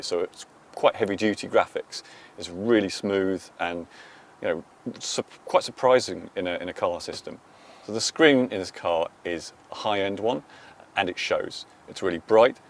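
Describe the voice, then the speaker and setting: Speaking at a moderate pace in a low voice, a male technology journalist talks to camera, reviewing a car's infotainment system with informal enthusiasm.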